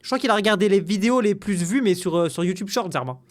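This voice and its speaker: A young man reacting to a video, animated, joking and swearing freely. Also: sits high, racing. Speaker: content creator reacting to a video. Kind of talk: casual reaction commentary.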